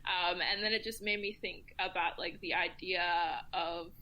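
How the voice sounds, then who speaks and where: On a podcast round-table, a female community commentator muses aloud in a casual, reflective way. Her voice is on the low side, steady and sharp-toned, her pace unhurried, and the recording sounds dull.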